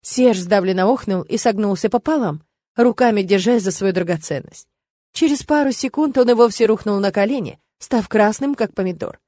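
A woman's voice: mid-range voice, moderate pace, dark tone, no echo, studio quality. Woman narrating a fantasy audiobook.

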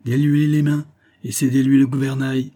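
Man voicing commanding young lieutenant, urgent, husky, dark, storybook. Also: medium pitch, little pitch movement, normal speed, pitched above the performer's own voice, natural voice. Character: young male naval lieutenant, bold commander.

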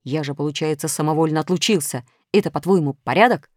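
A woman's voice: deep voice, fast talker, no room sound, clean studio sound. A woman voicing a strict, reproachful male toy soldier in a storybook. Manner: stiff, reproachful.

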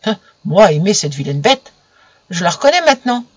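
A woman's voice: mid-range voice, big pitch swings, fairly quick, breathy edge, no room sound. Woman doing a grumbling jealous dog. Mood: indignant. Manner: growling, indignant. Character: grumpy jealous pet dog, male.

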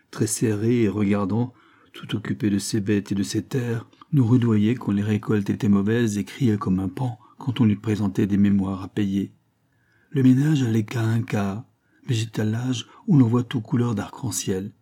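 Male audiobook narrator, low-pitched, very dark and husky, measured literary reading. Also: steady tone.

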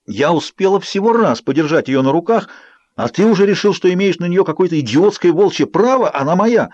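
A man's voice: sits high, lively intonation, a little fast, darkish tone, dry recording, highs cut off, pitched above the performer's own voice. A man reading an audiobook voices an enraged young woman vampire who snarls and hisses at someone who wronged her daughter. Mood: furious. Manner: snarling, hissing, shrieking outbursts. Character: furious young woman vampire, new mother.

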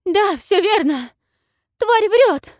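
A woman's voice: extremely high pitch, expressive, slow pace, a little mellow, dry recording, studio quality, pitched above the performer's own voice, full character voice. A woman voicing a treacherous young woman who shrieks and grovels before her new master. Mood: shrill. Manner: shrieking, wheedling.

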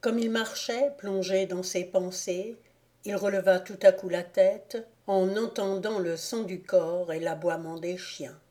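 A woman reading a classic novel aloud as a volunteer audiobook narrator, in a measured, unhurried manner. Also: mid-range voice, steady tone, mellow.

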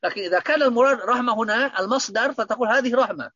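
Bright high-voiced male grammar teacher. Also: racing, no echo. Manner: explains with repeated questions to students. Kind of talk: online grammar lesson. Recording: dull, dry lo-fi audio.

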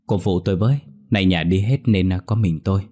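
Male narrator voicing a wary rice seller in her fifties, hesitant, low voice. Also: brisk, dark tone. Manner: hesitant, cautious.

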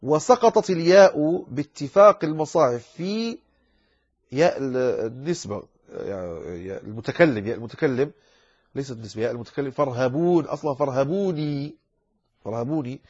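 Husky-voiced man giving a lecture. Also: medium pitch, expressive, brisk, darkish tone. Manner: patient explanation with frequent restarts, addressing listeners as brothers. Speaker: sheikh teaching Quran recitation rules. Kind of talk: classroom lecture explaining a verse text. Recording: dull lo-fi lecture recording.

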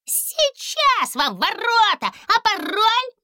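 A woman voicing a small, hot-tempered little man who guards a castle gate, with a squeaky, shrill voice. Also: big pitch swings, slow, pushed and bright, no room sound, studio quality, full character voice. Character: squeaky fussy little man, fierce gatekeeper.

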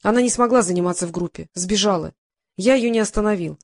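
A woman narrating a first-person detective audiobook in a lively, ironic storytelling manner. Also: mid-range voice, fast talker, dry recording, clean studio sound.

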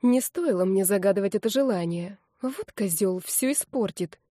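Woman narrating warmly, mellow voice. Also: medium pitch, lively intonation, moderate pace, no echo, studio quality. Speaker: audiobook narrator. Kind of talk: first-person novel reading.

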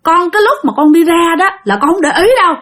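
A woman's voice: very high-pitched, quick pace, a bit bright, voice pushed up. A woman voicing a terrified young child who pleads and repeats herself. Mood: pleading. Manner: frantic, repeating itself.

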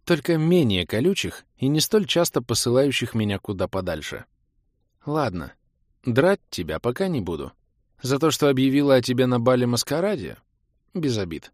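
A sharp-tongued young baroness from an audiobook fantasy tale, proud and grumbling, with a sarcastic edge to her words, as a male narrator reads her. The sound is dry and close, with no room around it. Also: medium pitch, very animated, moderate pace, no echo. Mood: grudging.

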